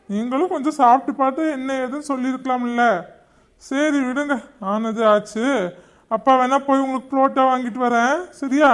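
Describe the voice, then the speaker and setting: A woman's voice: on the high side, close to an everyday voice. A woman voicing a protective cartoon father who scolds his wife and comforts his daughters. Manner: indignant, then soothing. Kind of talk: cartoon voice acting.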